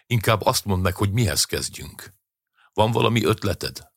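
A man's voice: fairly low pitch, expressive, slightly rough, no echo, clean studio sound, voice pushed up. A man voicing an impatient, callous car thief riding in the passenger seat, in a storybook reading. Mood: snapping. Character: grown man, scheming car thief accomplice.

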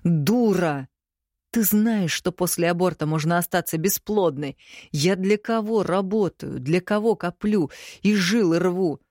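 A domineering, harsh middle-aged father , as a woman reads him in an audiobook. He lays down orders slowly and firmly in a low voice. The sound is close and dry. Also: a little mellow, dry recording. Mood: angry. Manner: slow commanding pronouncements.

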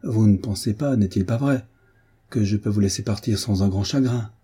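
A man's voice: on the low side, moderate pace, dark tone, breathy edge. A man voicing a young woman schoolteacher who pleads earnestly, reading her lines in an audiobook. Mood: pleading.

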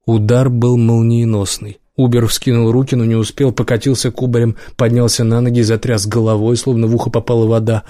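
A man narrates an audiobook with an even, measured storytelling delivery. His voice sits in the mid range, and the recording has no room sound.

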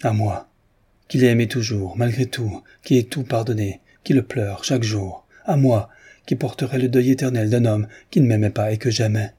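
A man's voice: mid-range voice, steady tone, normal speed, dark tone, slightly rough. A man reading aloud, voicing an indignant, grieving young widow who pleads in a raised voice. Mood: anguished.

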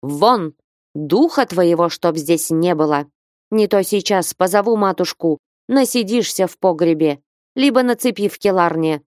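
A woman's voice: fairly low pitch, expressive, measured pace, a little mellow, no echo, studio quality. Woman doing a cold, haughty young woman. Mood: cold stern. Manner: cold, stately, severe.

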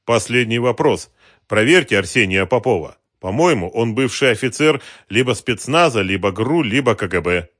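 A man's voice: mid-range voice, expressive, moderate pace, fairly bright tone, dry recording, clean studio sound, voice pushed up. A man reading an audiobook voices a stern male detective who gives curt orders. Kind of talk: audiobook character voice.

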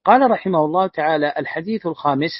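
Male sheikh, quick husky delivery, reads a text aloud and glosses it, dull dry lo-fi recording. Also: on the high side, dry recording. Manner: reads a classical text aloud, then adds brief plain remarks. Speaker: sheikh teaching hadith. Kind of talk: religious lesson reading and explaining a text.

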